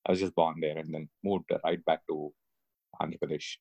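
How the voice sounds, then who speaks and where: A man's voice: a bass voice, little pitch movement, fairly quick, creaky, mellow, no echo. A man from India, a neurologist, chatting as a podcast guest, hesitant with many fillers and easy laughs. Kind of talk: casual interview chat.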